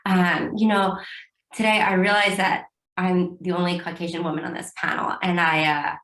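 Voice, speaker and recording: A woman founder speaking in a slightly low voice. Her manner is earnest and grateful. The sound is roomy and echoey. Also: level tone, normal speed, fairly bright tone, slight background noise. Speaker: dumpling company founder. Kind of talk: panel interview answer. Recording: echoey room.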